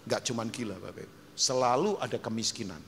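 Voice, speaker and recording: A man preaching a sermon as pastor, emphatic and animated, acting out quotes and dropping English phrases. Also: medium pitch, quick pace, gravelly. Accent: Indonesian. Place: large church hall. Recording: long hall reverb, faint noise.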